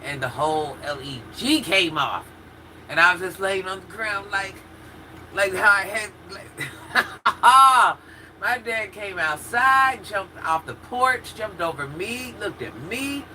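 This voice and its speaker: Brief: American woman, husky yet very bright and forceful, animated casual storyteller, livestream feel, distant mic. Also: unhurried. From rural United States, country upbringing. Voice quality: naturally husky, low-register voice for a woman. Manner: animated, dramatic retelling with acted-out quotes. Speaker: livestreamer chatting with viewers. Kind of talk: casual storytelling to a live chat. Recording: distant mic with faint background noise.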